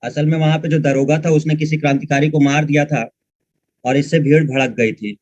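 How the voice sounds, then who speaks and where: A man's voice: fairly high pitch, fairly even intonation, brisk, darkish tone, no echo. A male history teacher giving an online lecture, talking informally and scolding his students as he explains. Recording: dull, dry, muffled sound.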